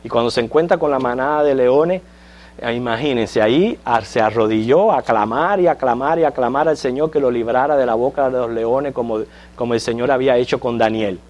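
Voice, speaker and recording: A man's voice: mid-range voice, brisk, darkish tone. A man teaching a Sunday school Bible lesson in a conversational way. He checks in with the class often and tells light jokes. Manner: conversational, checks in with listeners with frequent questions.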